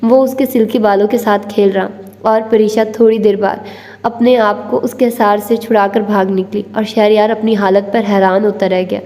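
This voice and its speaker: Female narrator for a romantic audiobook, mellow voice in a reverberant room. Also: mid-range voice, fairly even intonation, normal speed. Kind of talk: reading a romantic novel aloud.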